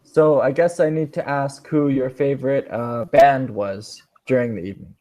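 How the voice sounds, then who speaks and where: A man leads an English speaking class. He walks through words slowly and patiently, giving examples, in a voice of ordinary, mid-range pitch. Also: steady tone, dark tone. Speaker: English teacher. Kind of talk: online language class.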